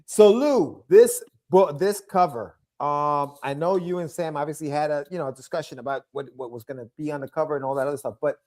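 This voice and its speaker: A man co-hosting a casual live stream, excited and teasing, quick to laugh. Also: a little high. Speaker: stream co-host.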